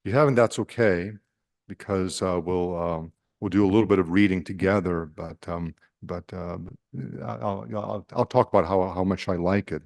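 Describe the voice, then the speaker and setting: A priest with a Nebraskan accent giving an informal retreat talk to a group, halting with many fillers and restarts and asking the room questions. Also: male voice, low-pitched, fairly even intonation, vocal fry, darkish tone, no room sound.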